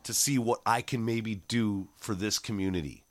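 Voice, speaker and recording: Lowish guy on a podcast, super animated, does little voices for his own quotes, swears a lot. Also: moderate pace. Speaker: podcast guest. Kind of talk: casual podcast conversation.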